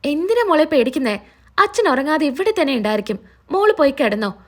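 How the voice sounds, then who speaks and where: A woman's voice: high-pitched, big pitch swings, fairly quick. A woman reading a stern, fatherly man. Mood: scolding. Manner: scolding yet fatherly. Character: stern, protective middle-aged family man.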